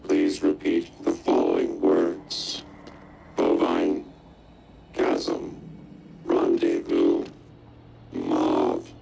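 An actor voicing a stern male security computer in a video game, giving flat, clipped prompts through a robotic voice-lock system. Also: very deep voice, extremely slow, vocal fry, pauses often, very noisy, full character voice.

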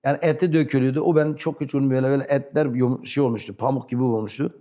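A man with a southeastern Turkish accent tells personal stories in broken, non-fluent Turkish, halting and repeating himself. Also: medium pitch, steady tone, warm tone. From rural southeastern Turkey. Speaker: interview guest. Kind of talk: animated personal storytelling.

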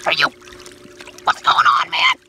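A performer voicing a manic, self-declared psychopath cartoon monkey in a loud, squeaky, rambling plush toy skit outdoors by a pool. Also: wildly swooping pitch, unhurried, exaggerated voice. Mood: chatty, curious. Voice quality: squeaky, shrill. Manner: loud, hesitant rambling, shouting. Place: outdoors by a backyard swimming pool. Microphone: handheld phone camera. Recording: noisy outdoor phone recording.

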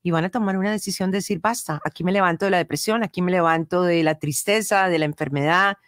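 A woman hosts a radio interview from a studio mic, warm in her affirmations and steady as she wraps up the show. Her voice sits on the low side for a woman. The recording is dry and close, with no room sound. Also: fast talker, dry recording. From Colombia. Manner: encouraging, affirming, many short acknowledgements.

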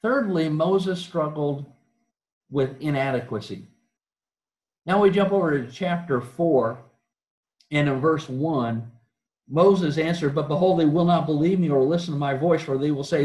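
A man's voice: fairly high pitch, measured pace, a little mellow. A man preaching a sermon in an earnest, questioning way, often restarting his phrases. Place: church auditorium. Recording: echoey church hall.

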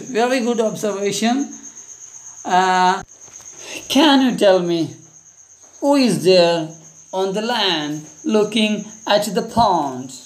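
A woman with a Malayali accent teaching an online primary school lesson, asking questions and praising answers. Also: mid-range voice. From India. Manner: slow, coaxing, asks children questions and praises answers.

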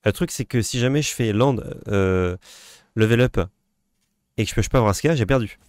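A man's voice: mid-range voice, moderate pace, a little mellow, clean tone, no room sound, clean studio sound. A man co-hosting a card game video, chatting casually, teasing his partner and thinking aloud as he plays. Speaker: co-host playing a card game. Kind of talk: casual gameplay chat.

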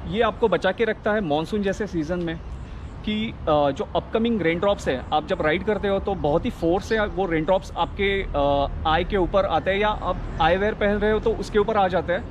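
A man's voice: high-pitched, moderate pace, lo-fi sound. Man talking through a face mask outdoors. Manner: explanatory, mixes Hindi and English. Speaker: cycling vlogger. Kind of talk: casual review vlog. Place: outdoors by a city road. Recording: noisy street recording. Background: traffic noise.

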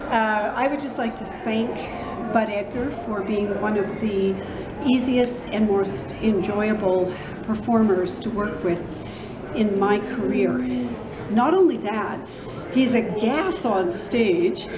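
A woman's voice: mid-range voice, slow pace, noisy background. An older woman giving an informal spoken testimonial. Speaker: event organizer giving testimonial. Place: indoors at event venue, against wall. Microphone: phone or camera a short distance away. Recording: echoey room with crowd chatter.

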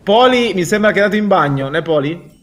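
A man's voice: sits high, expressive, quick pace. A man casually co-commentating a game in an emphatic way, repeating short exclamations. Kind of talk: casual chat over a game.

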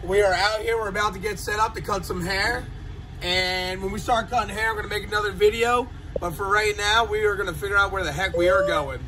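Hyped young barber vlogging, high voice. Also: male voice, steady tone, brisk. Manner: hyped, loud greetings. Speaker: barber and vlog host. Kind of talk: casual vlog chat. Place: inside a parked barber bus. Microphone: phone camera at arm's length. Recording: noisy vehicle background.

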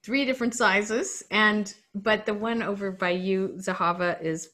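A woman leading an online service over a video call, speaking in a relaxed, guiding, informal way. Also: mid-range voice, measured pace. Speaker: service leader.

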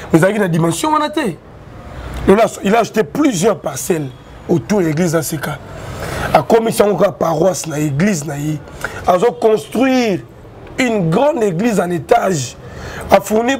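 A man's voice: high-pitched, darkish tone, slight background noise. A man, interviewing a guest with probing questions and calling him papa. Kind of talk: interview mixing French and Lingala.

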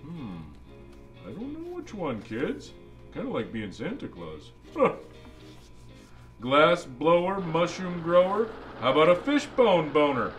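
A man's voice: a little high, huge pitch swings, takes it slowly, faint music behind, heavily acted. A man playing a jolly old Santa Claus, reading a children's storybook aloud with playful, musing asides to the kids. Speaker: storybook reader.

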